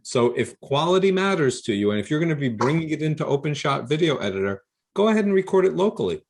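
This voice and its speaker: A man's voice: on the high side, very animated, fast, darkish tone, slight background noise. A man hosting an online workshop, explaining recording tools in an upbeat, casual way over a video call. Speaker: workshop host. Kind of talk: casual instructional talk.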